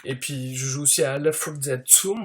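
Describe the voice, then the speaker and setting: A man with a medium-pitched voice delivers a comedic parody monologue as a smug show-off, stuffing every sentence with fillers and a constant "tu vois." His intonation stays fairly even at a normal pace, with slight background noise. He's a YouTuber.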